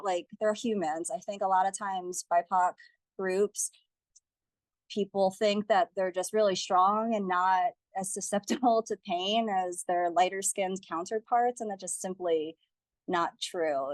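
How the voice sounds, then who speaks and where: A woman's voice: medium pitch, a little mellow, no room sound. A young woman giving a community teach-in presentation, speaking earnestly and steadily as she reads figures and a testimony aloud.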